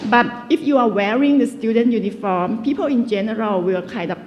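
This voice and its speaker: Speaking briskly in a slightly high voice, a Thai woman delivers a casual guest lecture, often stopping as she hunts for the right word. The recording has the long echo of a lecture hall, trimmed high frequencies, and slight background noise.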